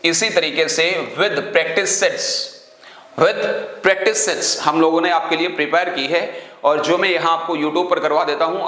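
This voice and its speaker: A man's voice: on the high side, a bit bright, echoey room. A man teaching English vocabulary to exam students, explaining words through memory tricks and asking questions he then answers himself. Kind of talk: online class teaching.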